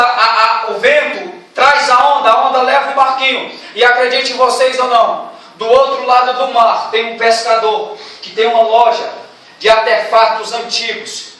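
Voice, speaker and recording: A man with a Brazilian accent preaching a storytelling sermon, dramatic and rising to shouts. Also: very high-pitched, level tone, moderate pace. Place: large church hall. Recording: echoey church hall, distant mic.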